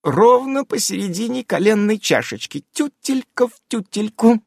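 A man putting on a wheedling young fox-witch woman from a storybook, whining in a high, lively voice, set close in a dry room. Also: a little slow, no room sound, exaggerated voice. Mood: whiny. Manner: whining, ingratiating.

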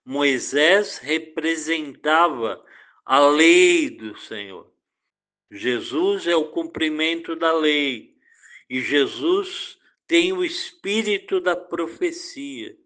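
A man with a Brazilian Portuguese accent, a pastor giving a devotional Bible commentary, reading scripture aloud with deliberate pauses. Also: on the high side, lively intonation, fairly bright tone.

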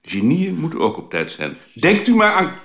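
A man's voice: on the high side, wildly swooping pitch, moderate pace, fairly bright tone, heavily acted. A man voicing a stiff, formal older office boss in a radio play, speaking curtly and dryly. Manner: curt and dry.

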